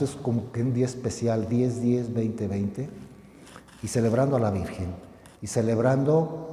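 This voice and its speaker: Priest preaching in an echoey church. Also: male voice, mid-range voice, warm tone. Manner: conversational, repeats and restarts phrases. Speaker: parish priest. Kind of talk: homily. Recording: echoey church with long reverb, faint noise.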